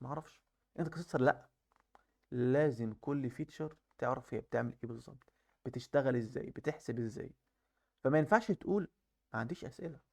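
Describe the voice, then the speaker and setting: A young man with an Egyptian Arabic accent teaching software testing in a chatty way, talking straight to the viewer and mixing in English technical terms. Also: mid-range voice, vocal fry. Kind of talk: casual screen-share lesson.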